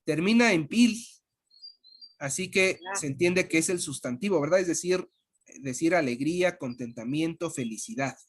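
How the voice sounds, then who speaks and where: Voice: mid-range voice, lively intonation, normal speed. A language teacher giving an online lesson, patiently repeating and spelling out sounds.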